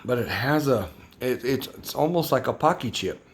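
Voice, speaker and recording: A man's voice: mid-range voice, expressive, moderate pace, slight background noise. A man casually reviewing a hot sauce for his vlog, rambling and slangy, repeating himself as he talks.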